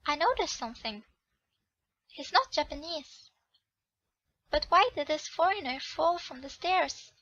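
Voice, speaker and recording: A woman's voice: sits high, expressive, a little slow, pauses often, a bit bright, dry recording, dull audio. A woman reading aloud a romance visual novel as the heroine, often correcting herself as she goes. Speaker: channel host reading a game.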